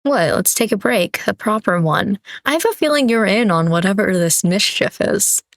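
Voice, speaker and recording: A woman's voice: medium pitch, expressive, normal speed, no room sound, clean studio sound, natural voice. A woman reading as a cool, serene young woman. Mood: composed. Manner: cool, composed. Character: calm, serene young female student.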